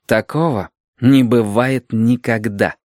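A young police inspector, calm and measured with a dry irony, his voice a little lifted as a male reader voices him. The read is dry and close, with no room sound. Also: medium pitch, no echo, close to an everyday voice. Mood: stern. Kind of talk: audiobook character voice.

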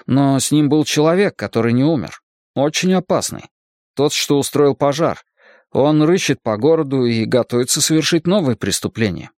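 A man's voice: mid-range voice, lively intonation, normal speed, darkish tone, no room sound, studio quality, lightly acted. A man voicing an earnest, polite young boy who speaks respectfully to an adult. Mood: urgent.

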